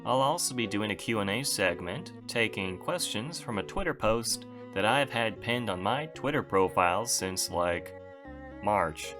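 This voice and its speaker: Low-voiced young man, wry vlogger. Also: expressive, measured pace, music in the background. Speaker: YouTuber giving a channel update. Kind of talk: casual solo update, talking to viewers.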